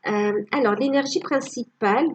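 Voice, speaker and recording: A woman's voice: fairly high pitch, moderate pace, breathy edge, rough recording. A woman giving a casual tarot reading to her viewers, hesitant and full of fillers. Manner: hesitant, many fillers, tags with "hein". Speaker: tarot card reader.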